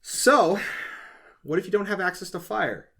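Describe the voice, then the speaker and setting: Excitable rambling young man. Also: high voice, creaky. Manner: excitable, rambling, quick outbursts. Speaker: podcast co-host. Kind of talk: casual comedic chat.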